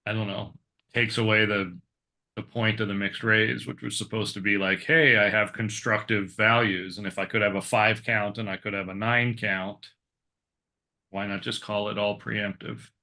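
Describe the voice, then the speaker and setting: A man with a somewhat low yet bright, forceful tone comments on bridge play. His delivery is dry and deadpan, with sarcasm that is easy to miss. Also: normal speed.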